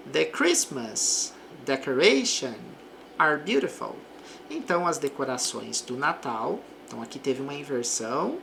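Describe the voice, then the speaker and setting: A woman teaching an English lesson, reading example sentences slowly and then explaining them more quickly. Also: low-pitched, gravelly, fairly bright tone, slight background noise. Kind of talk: language lesson.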